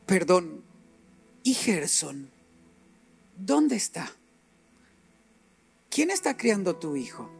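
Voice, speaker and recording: A middle-aged male preacher delivers a sermon in a high voice, swinging between quiet asides and forceful, emphatic peaks. He acts out short exchanges as he goes. Soft music plays faintly underneath. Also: slow pace, gravelly, pauses often. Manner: animated, acts out dialogue and rises to emphatic peaks.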